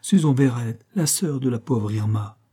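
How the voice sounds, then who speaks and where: A man's voice: medium pitch, expressive, moderate pace, dark tone, slightly rough. A man voicing a small, sweet-voiced young woman who speaks earnestly and with emphasis in an audiobook. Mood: pleading insistent.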